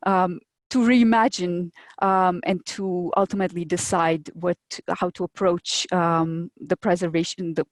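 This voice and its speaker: A woman's voice: on the low side, darkish tone, dry recording. A woman speaking on a panel, hesitant and thoughtful, with many fillers. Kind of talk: answering in a discussion.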